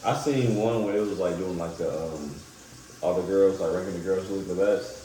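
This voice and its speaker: A man co-hosting a reaction video, tossing in quick, slangy remarks. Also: deep voice, warm tone, slight background noise. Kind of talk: casual reaction chat. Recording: echoey room, far from the mic.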